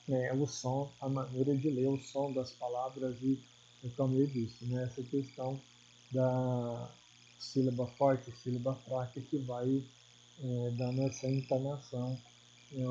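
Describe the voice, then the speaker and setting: Brazilian male teacher, patient and repetitive explainer, mid-pitched voice, slightly dull lo-fi audio, faint crickets behind. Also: little pitch movement, measured pace, dark tone, a little hiss or hum. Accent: Brazilian Portuguese. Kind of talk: recorded video lesson.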